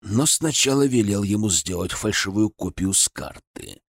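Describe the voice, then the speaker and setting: A man's voice: fairly low pitch, very animated, creaky, no room sound, clean studio sound, voice pushed down, exaggerated voice. A man growling as a stern secret-police colonel. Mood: menacing. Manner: barking, slow and menacing.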